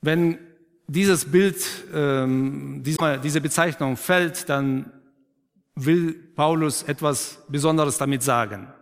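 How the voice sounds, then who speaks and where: Male preacher, a touch high-pitched, interactive sermon, softens for emphasis; church hall reverb. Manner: asks the congregation questions and affirms their answers; slows and drops to a quiet, emphatic tone for key points.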